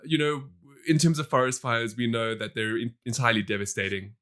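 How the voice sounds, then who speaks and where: A man co-hosting a podcast in casual chat, animated, laughing often and restarting his sentences. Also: medium pitch, brisk. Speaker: podcast co-host.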